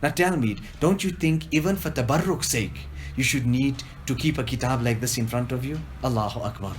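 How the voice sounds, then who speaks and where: A man giving a devotional teaching, telling stories and slowing down to stress key points. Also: medium pitch, slight background noise. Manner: storytelling, quotes couplets, slows for emphasis. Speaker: religious teacher. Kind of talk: devotional discourse.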